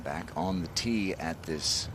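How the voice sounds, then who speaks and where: A man's voice: low-pitched, slow pace. A man acting as a golf commentator, calling play in live television coverage. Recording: very noisy outdoor broadcast ambience. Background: loud outdoor course noise.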